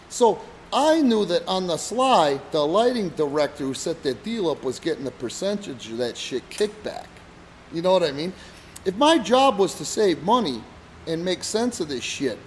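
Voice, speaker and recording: A man's voice: fairly high pitch, a little hiss or hum, low-quality recording. A middle-aged man co-hosting a casual chat, telling stories in a profane, rambling way. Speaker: podcast co-host, wrestling promoter.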